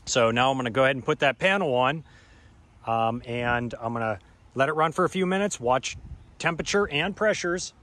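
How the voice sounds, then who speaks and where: An HVAC technician in his thirties walks through a repair step by step beside an air conditioning unit in a yard, often checking in with "okay?". His mid-range, slightly bright voice moves a little fast. It's picked up by a camera mic, handheld or on a tripod.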